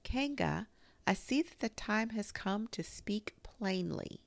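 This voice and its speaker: A woman voicing a small, timid young male piglet in a storybook, protesting indignantly in a squeaky, spluttering way. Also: wildly swooping pitch, extremely slow, vocal fry, bright, forceful tone, no echo, exaggerated voice. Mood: brave, indignant.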